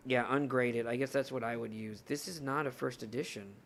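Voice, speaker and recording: A man's voice: medium pitch, fairly even intonation, brisk, gravelly, a little hiss or hum. A young man streaming live, chatting casually and rambling to his viewers while he looks through his cards. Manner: rambling, chatty, talks to chat while browsing.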